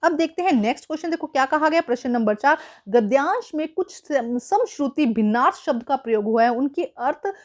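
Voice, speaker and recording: High-voiced woman teacher explaining a worksheet. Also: expressive, fairly quick, few pauses. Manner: patient, explanatory, mixes in English words.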